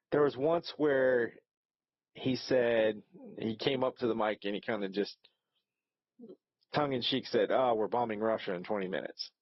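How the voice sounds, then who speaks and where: A man hosts a reaction video and rambles casually, breaking into his own sentences with fillers. His voice sits at a middle pitch. It sounds dry and close, with a slightly dull, lo-fi tone. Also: no echo. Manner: rambling, hesitant, with many fillers.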